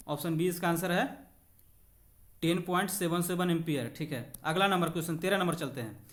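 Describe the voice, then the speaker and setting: This exam-class teacher has a high-pitched, slightly bright voice. Going over practice questions, he repeats the essentials, checks understanding with short confirmations, and alternates between Hindi and English when reading.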